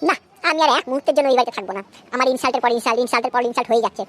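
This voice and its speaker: A woman's voice: a little high, very fast, no room sound, lightly acted. A woman voicing a sulky, bratty grown son in a cartoon, whining and complaining about his family. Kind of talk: comic Bengali cartoon voice acting.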